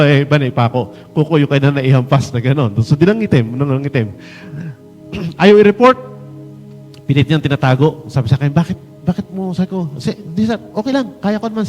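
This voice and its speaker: A Filipino man preaching a sermon in an animated way, mixing Tagalog and English and acting out the voices he quotes. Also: on the high side, long reverb tail, dull audio. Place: church hall.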